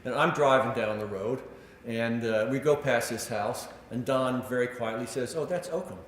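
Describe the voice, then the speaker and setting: A man giving a public history lecture, telling stories with animated delivery and acting out quotes, with frequent filler words. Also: medium pitch, moderate pace, a little hiss or hum. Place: lecture room. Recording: echoey lecture hall.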